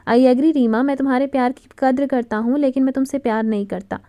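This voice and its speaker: A woman reading a firm, steady young man in a storybook romance. He speaks calmly but without giving ground, in a mellow, high-set voice. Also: a little fast. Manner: firm, patient explaining.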